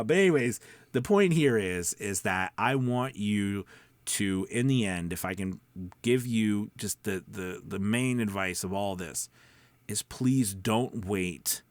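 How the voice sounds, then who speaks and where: A man with a medium-pitched voice and no echo gives casual, rambling coaching advice to viewers, sounding emphatic and self-deprecating. He is a voice-over coach and video host.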